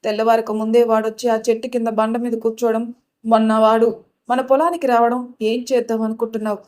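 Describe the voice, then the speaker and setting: A woman's voice: a little high, flat delivery, a little fast, natural voice. A woman voicing an angry, strict middle-aged village mother who scolds her daughter. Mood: scolding. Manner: scolding, shouting.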